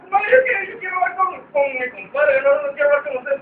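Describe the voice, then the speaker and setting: A furious, cheated compadre hammers away at his demands in a loud, insistent voice, as a man acts him out in a folk tale. The voice sits very high and strained. It comes through a tinny, phone-like line from a roomy, distant space. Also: lively intonation, fairly quick. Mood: angry, demanding. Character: angry cheated man demanding payback, shouting. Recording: tinny, echoey, distant with faint hiss.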